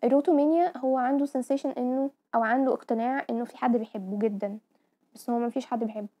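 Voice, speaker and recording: A woman's voice: on the high side, steady tone, very fast, warm tone. A woman with an Egyptian Arabic accent giving a medical lecture, explaining terms step by step and often checking that listeners follow. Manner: explanatory, mixing English medical terms, frequent "tamam?" checks.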